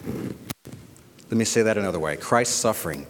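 A man's voice: lowish voice, expressive, measured pace, big-room sound, a little hiss or hum. A man preaching a sermon as pastor, asking rhetorical questions and leaning hard on key words. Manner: preaching with rhetorical questions and sudden loud emphasis.

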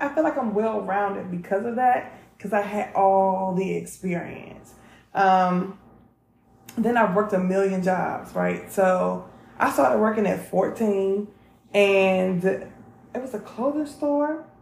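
Gravelly chatty woman in her thirties. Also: mid-range voice, darkish tone, roomy sound, slight background noise, poor audio. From North Carolina. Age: 30s. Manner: candid, chatty, swears freely. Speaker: vlog host. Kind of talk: casual talk to camera.

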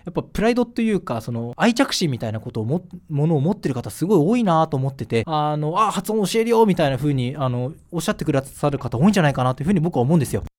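A man from Fukushima, Japan, hosting a solo podcast in a chatty, animated way with frequent fillers. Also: fairly high pitch, rapid-fire, hardly any pauses. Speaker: podcast host.

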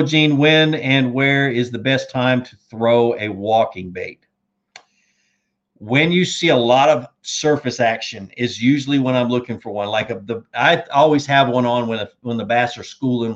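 A man with a mid-pitched voice that's getting hoarse hosts a relaxed live fishing chat, reading viewers' comments aloud and answering their questions. He's easygoing, tosses in "dude" and "man," and is losing his voice. The audio sounds slightly dull and lo-fi.

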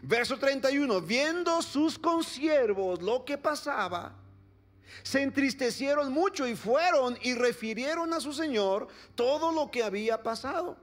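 A man's voice: extremely high pitch, animated, a little slow. A male pastor preaching a sermon, reading scripture aloud and putting questions to his congregation. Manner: reads scripture then asks the congregation questions.

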